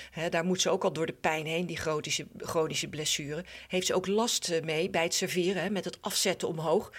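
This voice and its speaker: A woman's voice: on the low side, husky. A woman who is a former professional tennis player, giving frank, opinionated match analysis with frequent hesitation fillers. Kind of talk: studio sports analysis.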